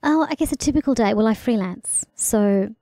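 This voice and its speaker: A middle-aged woman with a country Victorian Australian accent and a noticeably creaky, mellow voice. She talks as an interview guest, articulate and wry, in a dry studio-like sound. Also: on the high side, animated, normal speed, no room sound. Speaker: guest, cross-cultural consultant. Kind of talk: conversational interview answers.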